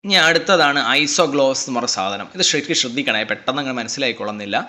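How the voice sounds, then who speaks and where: Brisk bright-voiced male tutor. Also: mid-range voice, animated. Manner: chatty, mixes English terms into explanations. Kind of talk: lecture explaining slides.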